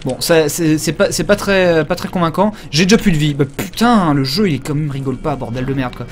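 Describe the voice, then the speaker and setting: A man's voice: fairly high pitch, a little fast, slight background noise. A man giving casual live commentary while playing a video game, rambling and crude, joking with many fillers. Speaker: game streamer.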